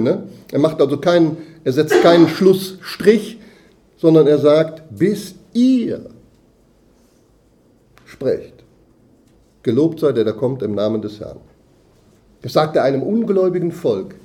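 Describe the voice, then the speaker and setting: A man preaching, his voice sitting a little high yet sounding dark and mellow. He talks to the congregation conversationally, tagging points with quick "ja?" asides, and he swells his voice for emphasis before letting it sink low. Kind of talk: sermon.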